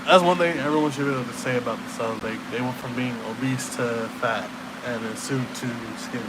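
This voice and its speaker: A man's voice: mid-range voice, steady tone, fairly quick. A young man rambling in a casual, laid-back stoner way, with slangy, profane talk that trails off and circles back. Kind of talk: casual late-night chat, rambling. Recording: clearly noisy room hum.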